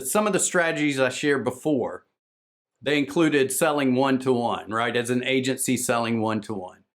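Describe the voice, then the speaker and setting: A man with a Southern American accent gives a conference presentation on podcast business. He talks fast and with a lot of energy, pushing his points like a salesman. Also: mid-range voice. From Southern United States.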